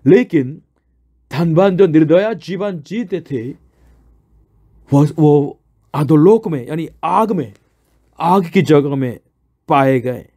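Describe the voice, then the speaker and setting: Man, preacher, sermon, earnest, explanatory, poses and answers questions, fairly high, mellow dark tone. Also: animated, takes it slowly, long pauses, breathy edge.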